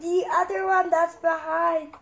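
A fellow player with a creaky voice, chatting casually during a game. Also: very high-pitched, level tone, a little slow, a bit bright.

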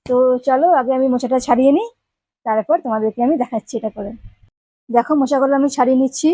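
A woman's voice: high-pitched, fast talker, warm tone, no echo, rough recording. A woman hosting a home cooking channel, chatting to viewers as she explains each step of a recipe. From Bengal. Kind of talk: casual cooking demonstration.

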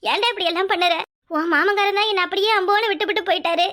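A woman voicing an anxious village mother, very high. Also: fairly even intonation, racing, sharp tone. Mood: tearful. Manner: pleading, scolding, emotional. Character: worried, tearful older village mother and sister. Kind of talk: cartoon voice acting.

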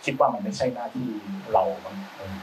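A man's voice: fairly low pitch, fairly quick. A man talks shop as a guest speaker in a loose, rambling, slangy way, often restarting his sentences. He sits a little back from the mic. There is a faint hiss of noise in the room. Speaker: film sound designer, guest speaker. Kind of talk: casual talk-show conversation. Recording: voice a bit far from the mic, faint background noise.

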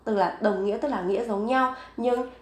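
A woman teaching a vocabulary lesson, saying each word several times, slowly and clearly. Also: on the high side, echoey room. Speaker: Korean language teacher.

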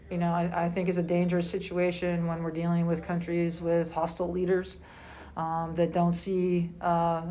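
A woman in her forties, a basketball head coach answering questions at a postgame press conference, speaking in a measured, halting way with many fillers. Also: on the low side, darkish tone. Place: small room indoors at a table.

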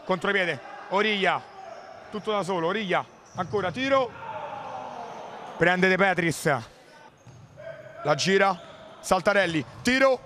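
A man giving excited futsal match commentary in clipped play-by-play bursts, breaking into shouted goal calls. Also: high voice, a little slow, long pauses. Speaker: sports commentator. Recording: noisy indoor sports hall ambience.

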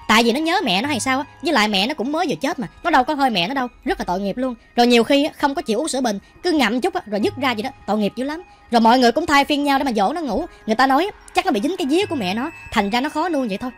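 A woman with a Southern Vietnamese accent telling a ghost story in a chatty way, often speaking directly to her listeners. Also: sits high. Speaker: storytelling channel host. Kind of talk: ghost story narration while cooking.

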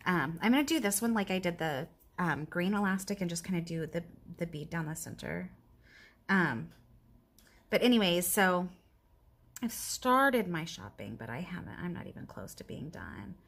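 A woman in her thirties chatting casually to viewers while she crafts, rambling and self-deprecating, now and then dropping to a soft whisper as she works. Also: on the low side, big pitch swings, moderate pace, creaky. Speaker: crafting vlogger.

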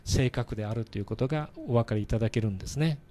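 A man talks on a community radio show, working through his explanation with frequent pauses and fillers. His voice sits at a middle pitch, and a faint noise floor hums under the studio sound. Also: dark tone. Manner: halting, many fillers, explains patiently. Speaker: church radio show host. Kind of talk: casual explanatory radio talk.

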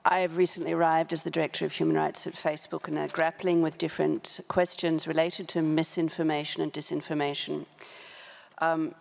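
A middle-aged woman, a company's human rights director, delivers prepared remarks off the cuff on a policy forum panel in a large indoor conference hall. Her low voice is creaky and even-toned, measured and halting, with formal policy vocabulary, picked up close by a desk gooseneck mic.

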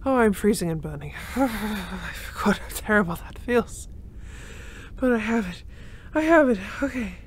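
A woman voicing a gentle, emotional young male reborn spirit in an audio role-play, breathless and given to nervous sighs and laughs. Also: medium pitch, expressive, a little slow, background noise, close to an everyday voice. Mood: shaken, relieved.

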